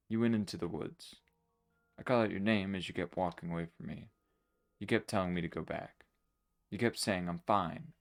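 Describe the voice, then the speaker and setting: A man voicing a protective older sister who is a reaper, speaking quietly and somberly in a game. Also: deep voice, creaky. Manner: quiet, somber, subdued reading. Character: protective teenage girl reaper, guarded.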